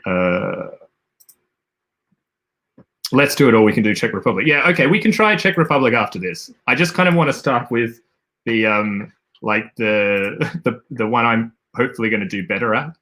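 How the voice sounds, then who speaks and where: A man's voice: medium pitch, expressive, moderate pace, bright, forceful tone. An Australian man casually commentating a livestream while he plays, rambling and thinking aloud with frequent self-corrections. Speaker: game design streamer.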